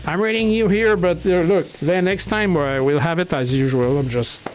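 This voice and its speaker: A man hosting a casual livestream who greets viewers by name and reads their chat aloud, talking haltingly with lots of restarts and chuckles. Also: a little high, slight background noise. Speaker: livestream host.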